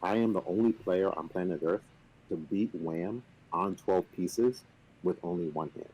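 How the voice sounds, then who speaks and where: A man on a video call casually explaining a game, relaxed and playfully boastful, with lots of fillers. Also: sits low, unhurried, slightly rough, poor audio. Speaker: company representative teaching the game. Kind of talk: casual chat on a stream.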